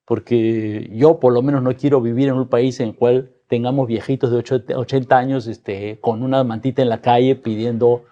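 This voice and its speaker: A man's voice: mid-range voice, little pitch movement, moderate pace, few pauses, warm tone, lo-fi sound. A man, a guest in a political discussion, arguing emphatically and ending his points with tag questions.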